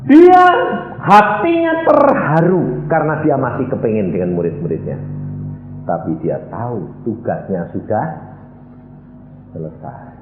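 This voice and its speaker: A man preaching a sermon, animated and teasing his listeners with questions and mock prayers. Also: on the low side, reverberant, phone-quality sound. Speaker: evangelist preacher. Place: church.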